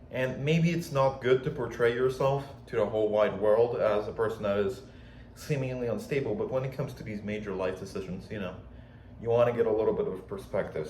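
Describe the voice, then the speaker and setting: This young adult Polish vlogger has a slightly mellow, mid-range voice and a slight accent as he rambles candidly, cursing casually in a video journal. The recording is an echoey room with faint ambience and a little hiss or hum.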